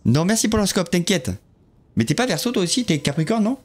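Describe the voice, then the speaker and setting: A man live-streaming a horror game, chatting with viewers in a jokey, lively way and greeting them one by one. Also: high-pitched, fast talker.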